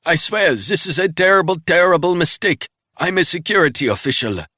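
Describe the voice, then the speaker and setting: A man voices a panicked middle-aged male spy in a dry, close audiobook reading, pitching himself above his natural voice. His medium-pitched, slightly bright tone has lively intonation and a moderate pace. The spy pleads with his captor, then sneers at him.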